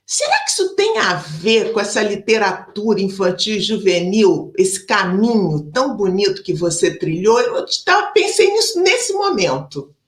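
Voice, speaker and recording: A woman's voice: medium pitch, very animated, normal speed, reverberant. A woman from Rio de Janeiro interviewing an author, thinking aloud in a casual chat. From Rio de Janeiro, Brazil.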